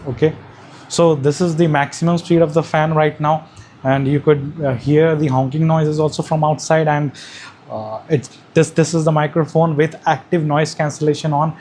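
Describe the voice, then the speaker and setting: A man's voice: a little high, fairly even intonation, moderate pace, darkish tone. A man demonstrating gear, hesitant with many fillers, heard through a wireless clip mic with active noise cancellation that processes his voice. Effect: wireless mic with active noise cancellation on, processed sound. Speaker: gadget reviewer. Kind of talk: product demo. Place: room with a fan running and traffic outside. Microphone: wireless clip mic into a phone.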